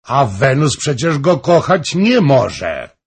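A man voicing a proud young countess in a storybook reading, speaking quietly and with restraint. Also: mid-range voice, very animated, slow pace, slightly rough, voice pushed up, exaggerated voice. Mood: cool.

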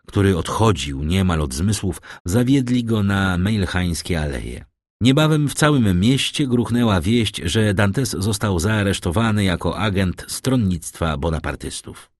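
Deep-voiced male audiobook narrator. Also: no room sound, studio quality. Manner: measured, expressive reading. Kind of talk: scripted narration of a classic novel.

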